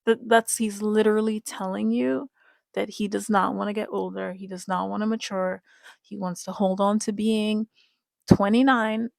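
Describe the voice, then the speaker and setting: A woman's voice: medium pitch, fairly even intonation, normal speed, vocal fry, darkish tone, no room sound. A woman giving casual, emphatic commentary to her viewers, repeating her points and speaking to them directly. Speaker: reality-show commentator.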